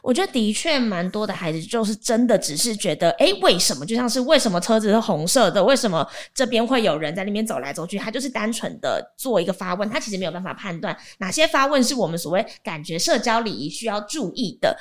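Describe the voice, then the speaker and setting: A woman hosting a casual parenting podcast, teasing her guests and laughing often. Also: medium pitch. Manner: lively, teasing, quick to laugh. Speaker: podcast host. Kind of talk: casual chat.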